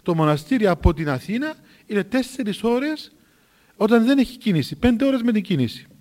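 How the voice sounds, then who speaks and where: A man's voice: sits high, big pitch swings, darkish tone. Elderly abbess in a hurry, fretful and pleading, put on by a male storyteller. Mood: anxious. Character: anxious elderly abbess, a hurried woman.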